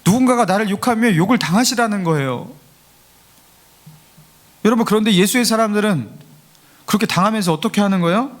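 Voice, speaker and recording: In a church sanctuary, a pastor with a high-sitting voice preaches a Sunday sermon briskly, leaving long pauses. Earnest and pleading, he performs the mocking voices of scoffers before climbing to fervent emphasis.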